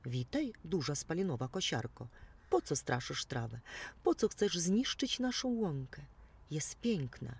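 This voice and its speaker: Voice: medium pitch, big pitch swings, unhurried, slightly rough, heavily acted. Reader doing a small earnest field mouse. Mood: pleading. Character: small grey female field mouse, kind and brave. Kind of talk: storybook reading.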